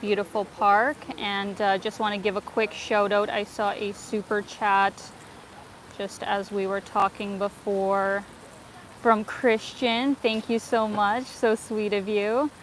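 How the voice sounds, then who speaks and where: Walking outdoors through a city square and park with her phone in hand, a North American travel vlogger chats easily with livestream viewers, using fillers and soft laughter. She speaks slowly in a level, medium-pitched voice, on a low-quality recording with slight background noise.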